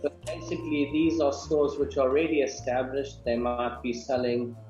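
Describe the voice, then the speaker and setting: A South African man in his thirties answers interview questions over a video call, relaxed and hesitant with many ums. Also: mid-range voice, moderate pace, soft background music. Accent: South African English. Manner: relaxed, with frequent ums and uhs. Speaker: guest, business founder. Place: small home office indoors. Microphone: webcam on a video call. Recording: dull, roomy video call audio.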